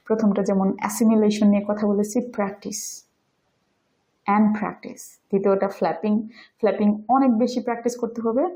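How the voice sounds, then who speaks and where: A woman whose first language is Bengali, teaching English pronunciation in a video lesson and saying example words slowly. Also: mid-range voice, dark tone, poor audio. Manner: explains step by step, demonstrates English words slowly.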